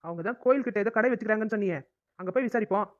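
Man as a practical young brother, rapid delivery, muffled lo-fi track. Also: high voice, natural voice. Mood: urgent. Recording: dull, lo-fi recording.

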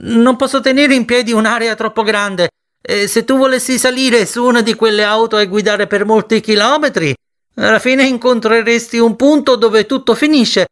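A man's voice: very high-pitched, steady tone, moderate pace, voice pushed up. A man voicing a spiteful, mocking boy with troll teeth who calls out taunts. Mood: taunting. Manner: shouting after, taunting.

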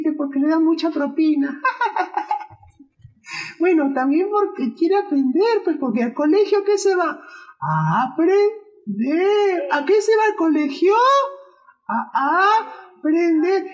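A woman doing a very high cheerful boy puppet. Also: sing-song, slow, exaggerated voice. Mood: playful. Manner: playful, laughs at own jokes, call-and-response. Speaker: children's church puppet teacher. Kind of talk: children's puppet show. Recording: dull lo-fi recording.

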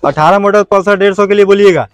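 Guy auctioneering bikes outdoors, chants the same price again and again, fairly high voice. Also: fast, clear, resonant tone. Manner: repetitive bid calling, chanting prices. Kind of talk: outdoor bike auction calling. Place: outdoor lot full of parked motorbikes.

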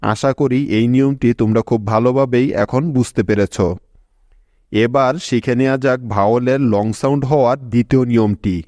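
A man's voice: medium pitch, steady tone, fairly quick, mellow, dry recording. A man narrating a scripted English spelling lesson, patiently spelling out letters one by one. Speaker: English teacher.

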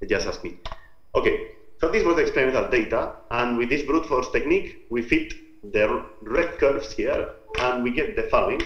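A man from Spain's Basque Country with a Basque Spanish accent, giving an informal scientific lecture in a halting, step-by-step explanatory way. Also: mid-range voice, lively intonation, fairly bright tone. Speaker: researcher presenting own work. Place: remote talk over video call. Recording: muffled, roomy video-call audio.

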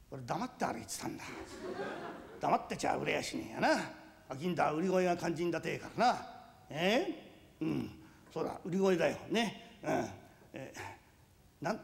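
A man's voice: high voice, gravelly, exaggerated voice. A man doing a naive young peddler. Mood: musing. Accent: Edo Tokyo. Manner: muttering to himself, stammering, drawn-out vendor cries. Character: naive disowned young master turned peddler. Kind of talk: rakugo storytelling.

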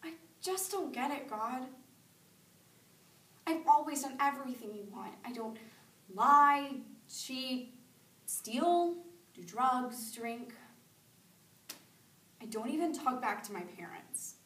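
A woman's voice: sits high, lively intonation, slow, pauses often, sharp tone, full character voice. A young woman acting a grieving teenage girl in a stage monologue, pleading with God in tragic sorrow. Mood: hurt, bewildered. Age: young adult. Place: medium-sized school classroom, indoors. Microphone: camera several metres away. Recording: echoey room, distant microphone.

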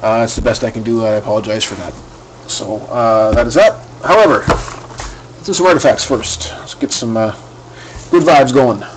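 A man's voice: medium pitch, moderate pace, a little hiss or hum, poor audio. A man hosting a live card break at his home desk, talking casually and rambling with fillers and restarts.

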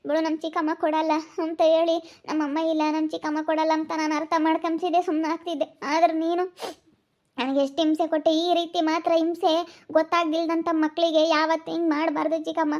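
A woman's voice: extremely high pitch, little pitch movement, quick pace, darkish tone. A woman playing a grieving, motherless young woman who tearfully accuses her aunt in a rural family drama, in a muffled lo-fi recording. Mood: accusing, tearful. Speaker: village family drama actress.

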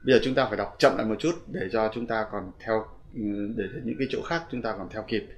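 A man teaching a pronunciation lesson, patiently explaining with fillers and reading English phrases slowly, beat by beat. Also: lowish voice, dull audio. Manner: slow, deliberate reading of English phrases, stressing each beat.

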